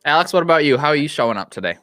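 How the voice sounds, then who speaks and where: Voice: medium pitch, expressive, rapid-fire, a bit bright, dry recording. A therapist co-hosting a casual live podcast, upbeat and playful with lots of fillers. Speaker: co-host therapist.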